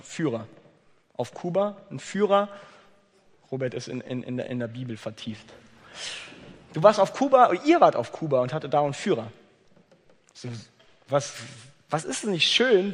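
German-speaking male preacher in a reverberant hall. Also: fairly high pitch. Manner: lively, chatty, talks straight to the congregation. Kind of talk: sermon with a read-aloud story. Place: church.

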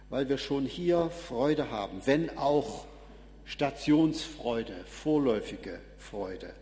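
A man preaching a sermon as pastor, emphatic and swinging between loud and hushed passages. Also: mid-range voice, big-room sound.

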